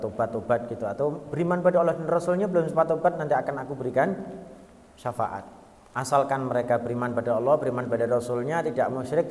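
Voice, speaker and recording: A man with a Javanese accent delivering a sermon with a fairly high voice. He tells the story dramatically, swinging from near-whispers to raised exclamations. The voice rings with a long hall reverb. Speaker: preacher.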